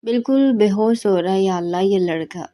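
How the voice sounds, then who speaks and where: A fiery young female student, put on by a woman narrator nags and scolds with impatience in a storybook reading. The voice is soft and mellow despite the temper. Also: medium pitch, normal speed, close to an everyday voice. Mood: scolding.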